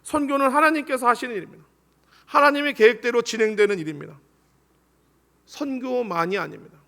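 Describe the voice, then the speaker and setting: A man's voice: very high-pitched, fairly quick, vocal fry, sharp tone. A man preaching a Sunday sermon in a church, earnestly leading the congregation in reading scripture aloud. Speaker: pastor. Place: church sanctuary.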